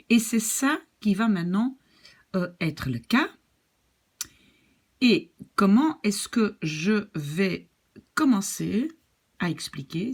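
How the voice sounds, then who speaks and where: A woman's voice: fairly low pitch, slightly rough. A woman with a Belgian French accent, a language teacher who explains step by step and demonstrates sample phrases. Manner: explains slowly with spoken demonstrations in another language. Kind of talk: video language lesson.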